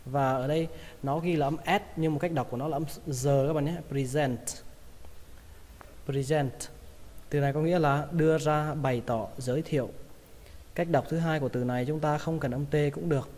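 A man with a Vietnamese accent teaching English vocabulary, repeating each word slowly several times to model its pronunciation. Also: fairly high pitch, steady tone, darkish tone, in a large hall. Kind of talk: pronunciation lesson.

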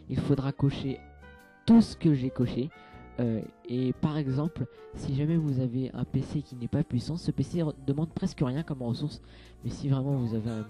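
A young man talks through a game setup in a casual tutorial. His voice is very dark and mellow, he stumbles over fillers and restarts often, and faint music plays underneath. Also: mid-range voice. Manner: hesitant, many fillers and restarts. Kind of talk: casual screen-capture tutorial.

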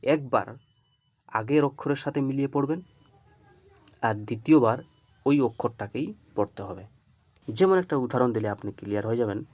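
A man's voice: mid-range voice, expressive, moderate pace, pauses often, a little mellow, no echo, highs cut off. A man teaching Arabic reading marks. He asks his listeners questions, answers them himself, and keeps checking that they follow. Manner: repeats checks like "okay?" often. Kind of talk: screen-share lesson.

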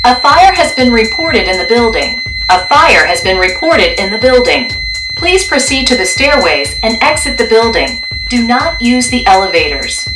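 A woman's recorded evacuation message, played through fire alarm loudspeakers in a calm, even announcer delivery. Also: a little high, moderate pace, over loud music. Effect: recorded evacuation message played through fire alarm speakers. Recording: echoey, distant loudspeaker over alarm tones. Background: loud alarm tones.

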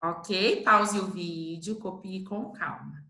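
A woman teaching a slow, clear literacy lesson to young children with a Brazilian Portuguese accent, patiently sounding out syllables and checking in often. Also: mid-range voice, fairly even intonation, pushed and bright. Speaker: primary school teacher. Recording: echoey room.

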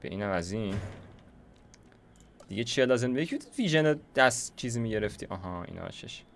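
A man's voice: lowish voice, sing-song, gravelly, a little hiss or hum. Chatty young man narrating his gameplay. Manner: chatty, talks to himself while building, slangy. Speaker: gaming YouTuber. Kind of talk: casual gameplay commentary.

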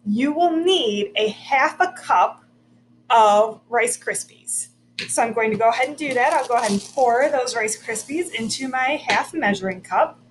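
The audio is poor, with slight background noise, as a teacher in her thirties cheerfully and clearly demonstrates a recipe step by step for children at home, filmed by a laptop across the counter. Her voice is expressive, on the high side and a little slow.

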